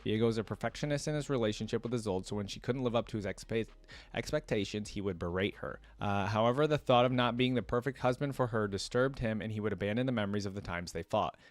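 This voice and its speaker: A man with a lowish voice hosts a reaction video, reading lore aloud fast and casually while dropping his own reactions between passages. He's recorded close to the microphone, with no echo.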